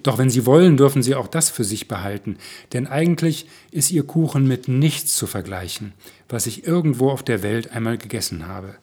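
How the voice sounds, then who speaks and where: Man doing a lively outspoken baker lady, louder and a bit higher. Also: normal speed, husky. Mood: emphatic. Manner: emphatic, animated. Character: lively middle-aged woman baker, direct and spirited.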